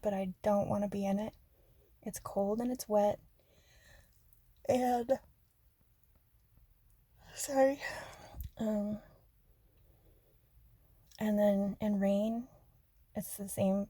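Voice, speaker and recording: Her hush is gravelly and husky, a mid-range voice from an adult ASMR creator in Arizona, USA. She rambles in soft, half-whispered chat, giggly and self-deprecating, on a dry recording.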